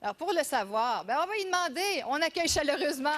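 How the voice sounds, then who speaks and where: Host, Quebec woman, slightly high voice, loud crowd and noise behind. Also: sing-song, fast talker. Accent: Quebec French. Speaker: show host. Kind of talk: live TV hosting.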